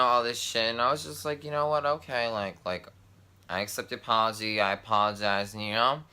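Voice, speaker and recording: A man's voice: on the low side, pushed and bright, clear, resonant tone. A young man telling a storytime vlog in casual chat, swearing a lot, filling every sentence with "like" and acting out the people he quotes. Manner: heavy cursing, constant "like" fillers; mimics friend's voice when quoting. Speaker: vlogger.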